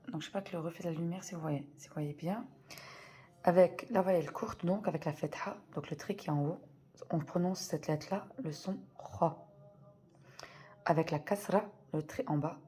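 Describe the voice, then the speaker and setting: A woman teaching a reading lesson, explaining slowly and patiently and repeating sounds in drills. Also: on the low side, dark tone.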